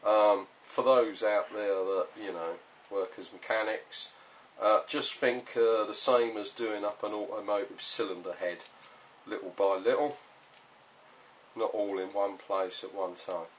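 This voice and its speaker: A man with a British accent giving a casual hands-on tutorial as an instructor, spelling out each step slowly and repetitively in a patronizing way. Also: lowish voice, fairly even intonation, a little hiss or hum. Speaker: repair instructor.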